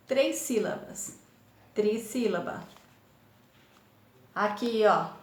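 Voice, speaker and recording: Woman teacher with a São Paulo accent, slow and patient, a bit high, echoey room. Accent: Brazilian Portuguese, São Paulo state. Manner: slow syllable-by-syllable spelling, patient and encouraging. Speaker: primary school teacher. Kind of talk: recorded remote lesson for young children.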